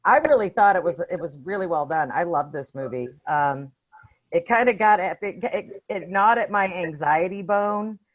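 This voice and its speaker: A woman with a lowish voice and a moderate pace sits on a podcast panel reviewing films. In the casual discussion she's informal, opinionated, and slangy.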